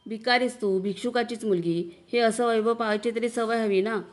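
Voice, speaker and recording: A sharp-tongued old mother-in-law who scolds and mocks her daughter-in-law, as a woman narrator reads her. The voice is scornful and cutting in this storybook reading. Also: on the high side, fairly even intonation, moderate pace, close to an everyday voice. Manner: scolding, mocking.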